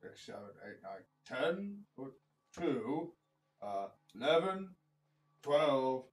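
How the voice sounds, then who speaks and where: Man putting on a gruff, slow-witted giant cyclops. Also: mid-range voice, sing-song, recorded from a distance. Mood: laboriously counting. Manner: halting, laborious counting. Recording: roomy echo, off the mic.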